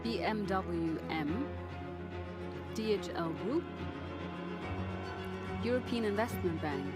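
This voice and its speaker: A woman hosting an awards presentation, speaking in a formal, measured announcing manner. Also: mid-range voice, animated, over loud music. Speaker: awards show host.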